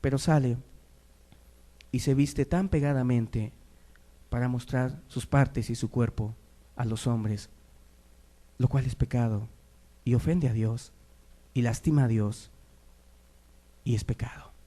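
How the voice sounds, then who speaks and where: A man preaching a sermon, moving between quiet, low asides and loud, raised exhortation. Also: steady tone, slow pace, long pauses.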